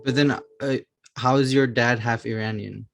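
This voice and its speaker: A man co-hosting a podcast, curious and firing quick follow-up questions. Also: medium pitch, fairly even intonation, creaky, a bit bright, faint music behind. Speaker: podcast co-host. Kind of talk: casual podcast chat.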